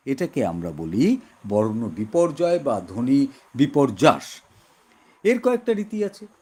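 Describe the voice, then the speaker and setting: Husky-voiced male teacher, lively pitch. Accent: West Bengal Bengali. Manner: explanatory, repeats words to demonstrate pronunciation. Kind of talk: online exam-prep lesson.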